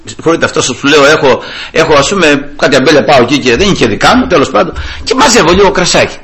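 A male preacher delivers a storytelling sermon, often turning to address his brothers and praising God. His voice sits a little high and sounds bright and forceful. The pitch swings up and down with animated energy.

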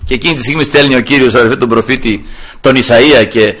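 A man's voice: mid-range voice, fairly bright tone, husky. A man preaching a sermon, emphatic, often calling out to the congregation as brothers and rising sharply when he quotes scripture. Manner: addresses listeners as brothers.

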